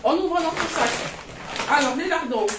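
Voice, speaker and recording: A woman's voice: high-pitched, lively intonation, unhurried, far from the mic, noisy background. A chatty woman in her thirties with a southern French accent, casually showing her grocery haul with frank, colloquial talk. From southern France. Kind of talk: casual chat. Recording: roomy echo, voice from off the mic.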